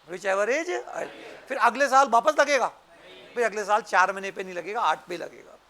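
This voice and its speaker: A man's voice: high-pitched, normal speed, sharp tone. A male teacher giving an interactive lecture, often putting short questions to his students. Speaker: accountancy and tax teacher.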